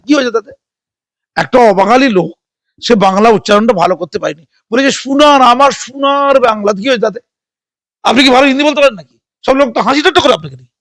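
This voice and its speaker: A man's voice: very high-pitched, a bit bright, dry recording. A man giving heated, sarcastic political commentary, firing rhetorical questions. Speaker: political interviewee.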